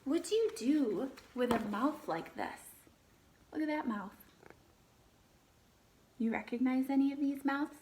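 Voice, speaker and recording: A woman whose voice sits high and moves with lively intonation reads a children's picture book aloud, with background noise present. She punctuates the story with chatty asides and questions for her young audience.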